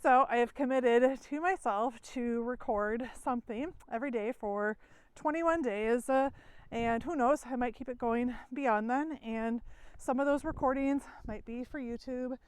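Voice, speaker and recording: A woman's voice: on the high side, a little slow, a little mellow, smooth, no room sound. A middle-aged woman coaching in a loose, casual vlog recorded outdoors while walking, a little out of breath, with fillers and small laughs. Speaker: success coach. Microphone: headphone mic, then phone mic.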